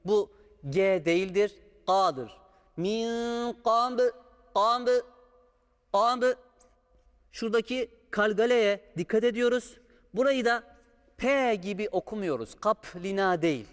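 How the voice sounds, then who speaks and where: Speaking slowly with long pauses, this high-voiced man teaches Quran recitation one step at a time. He draws each sound out with patience so the correct pronunciation is clear, all within a long, echoing hall reverb.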